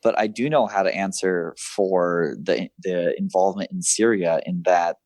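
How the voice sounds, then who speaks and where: His voice sits low with a darkish tone, fairly even intonation, and no echo. In his thirties, this Southeast Asia-raised military veteran and freelance writer takes interview questions slowly and thoughtfully, peppering answers with fillers and false starts.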